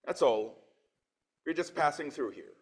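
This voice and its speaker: A man's voice: a little high, expressive, a little slow, breathy edge. A man in his forties from Trinidad, preaching a sermon in church, reading scripture with swelling emphasis and dropping into plain conversational asides. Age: 40s.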